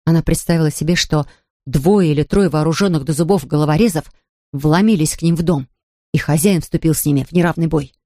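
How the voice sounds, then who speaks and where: A woman narrating a children's storybook aloud in an expressive reading voice. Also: low-pitched, fairly quick, dry recording, clean studio sound. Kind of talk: audiobook narration.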